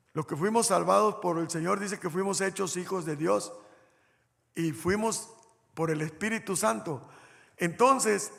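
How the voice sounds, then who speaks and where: A man's voice: sits high, creaky, a bit bright. A man preaching a sermon as pastor, telling a personal story and speaking straight to the congregation. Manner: storytelling, addresses the congregation directly. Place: church hall. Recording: church hall reverb.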